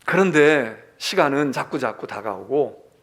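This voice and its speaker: A middle-aged man preaching a Sunday sermon as senior pastor, swinging between hushed whispers and raised, emphatic calls, and acting out quoted lines. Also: mid-range voice, lively intonation, unhurried. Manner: acts out quoted lines in character.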